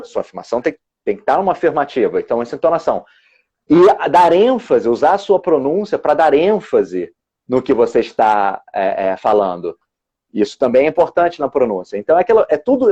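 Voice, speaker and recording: A man's voice: fairly high pitch, dark tone. A man, an English teacher and exam examiner explaining on a live stream, often restarting his words. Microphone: video call. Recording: dull lo-fi video call audio.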